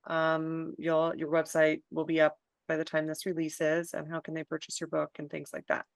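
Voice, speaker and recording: A woman's voice: low voice, completely flat delivery, normal speed, gravelly, no echo, clean studio sound. A woman from the United States hosting an interview, friendly and laughing easily as she asks questions. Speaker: podcast host. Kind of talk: casual interview.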